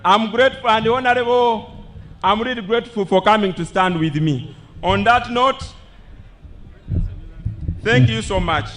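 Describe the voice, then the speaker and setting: High-voiced Ugandan man addressing a rally. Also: measured pace, long pauses, fairly bright tone, slight background noise. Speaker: local political leader addressing the president. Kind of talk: formal public address at a political rally. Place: public rally, speaking through a microphone.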